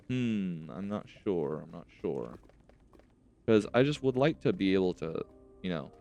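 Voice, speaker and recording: Slight background noise accompanies this gaming series host, whose voice is low-pitched and darkish. Wearing retainers gives him a slight lisp as he rambles chattily to himself during a relaxed let's-play.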